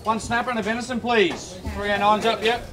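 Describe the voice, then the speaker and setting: A man's voice: high-pitched, steady tone, fairly quick, a crowd in the background. A male head chef making kitchen order callouts in a brusque, commanding way. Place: busy restaurant kitchen. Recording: noisy working kitchen, clattering background.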